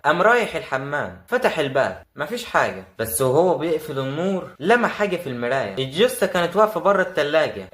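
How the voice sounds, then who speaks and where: A man with an Egyptian Arabic accent tells a horror story in a suspenseful, dramatic voice. He talks very fast with a slightly raised pitch. The room gives his voice a roomy echo. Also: a bit bright.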